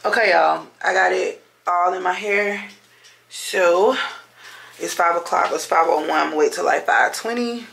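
A woman's voice: on the low side, moderate pace, gravelly, fairly bright tone, rough recording. A young woman vlogging at home, chatting casually to her viewers, profane and exasperated. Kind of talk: casual vlog chat.

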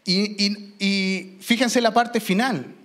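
A man, preaching a sermon as pastor, emphatic and slowing down for key phrases. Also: sits high, steady tone, a bit bright. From Chile. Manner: emphatic, slows down for key phrases, mimics children. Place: church.

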